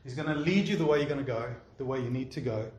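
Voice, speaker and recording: A pastor delivers a sermon and answers the congregation's questions conversationally, often checking in with "all right?" His medium-pitched voice is a little mellow, with lively intonation and a fast pace. The room adds a noticeable echo.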